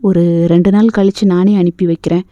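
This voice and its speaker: Woman reading a proud sarcastic young woman, mellow voice, dull lo-fi sound. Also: fairly low pitch, steady tone, a little fast, dry recording, lightly acted. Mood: pleading. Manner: pleading, then irritated and sarcastic. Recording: dull lo-fi dry recording.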